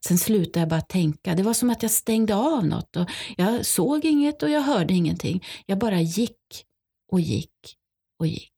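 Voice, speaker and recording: Numb young boy, measured first-person telling, read by a woman; husky, low. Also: lively intonation, mellow. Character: young boy, lost and numb after disaster. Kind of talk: first-person testimony reading.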